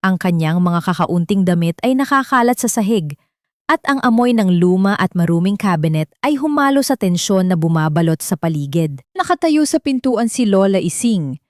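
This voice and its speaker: In a clean studio recording with no room sound, a woman with a Filipino accent reads a scripted story as a dramatic audiobook narrator. Her mid-range voice is expressive and slightly mellow, moving at a moderate pace.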